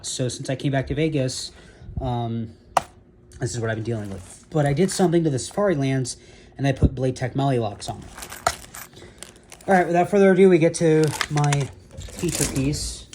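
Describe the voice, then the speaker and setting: A man's voice: mid-range voice, noisy background. A man in security work walking through his duty belt gear casually, rambling and correcting his own slips as he goes.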